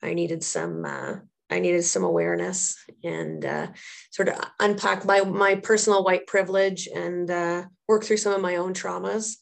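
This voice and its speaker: With a creaky, low-side voice, animated at a moderate pace, a woman aged thirty or above responds as an interview guest. A trauma therapist and social worker, she answers earnestly and reflectively, repeating phrases for emphasis.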